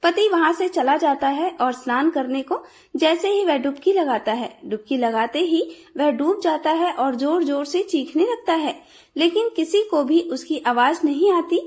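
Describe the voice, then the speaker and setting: A woman tells a devotional folk tale as a scripted narration. Her voice is high, and her delivery is steady and earnest from start to finish. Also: a little slow. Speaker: storyteller, channel host.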